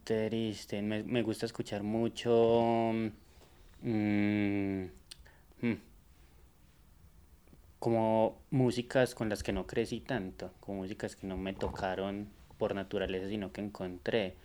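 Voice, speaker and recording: A man, a musician guest, talking in a relaxed, rambling way with many hesitant fillers. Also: on the low side, slow, clear, resonant tone. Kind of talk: casual conversation.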